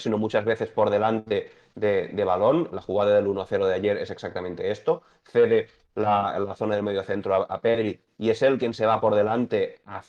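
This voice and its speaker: Low-voiced Spanish pundit on dull audio. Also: male voice. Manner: measured, thoughtful, builds points slowly. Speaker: football pundit. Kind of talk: sports talk-show debate. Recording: dull lo-fi sound.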